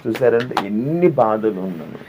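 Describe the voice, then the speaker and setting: A man's voice: fairly low pitch, animated, moderate pace, over music. A man pastor preaching a sermon who asks the listeners questions, repeats his phrases and sings hymn lines. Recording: dull lo-fi audio with faint background.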